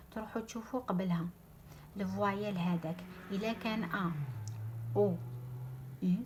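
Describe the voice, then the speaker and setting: A young woman with an Algerian Arabic accent teaching a German lesson, repeating example words slowly and dropping French words into her explanations. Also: medium pitch, darkish tone, a little hiss or hum. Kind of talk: online language lesson.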